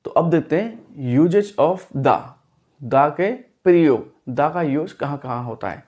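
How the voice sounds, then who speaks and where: A man with a somewhat high voice teaches English grammar in Hindi. He works through examples step by step, asking a question and then answering it himself. He mixes Hindi explanation with English example phrases. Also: lively intonation, takes it slowly, darkish tone.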